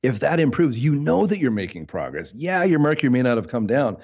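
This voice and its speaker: A man's voice: medium pitch, big pitch swings, a little fast, a little mellow, husky, dull audio. An American man hosting a podcast, a clinician talking casually and enthusiastically with his guest. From United States. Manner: enthusiastic, affirming.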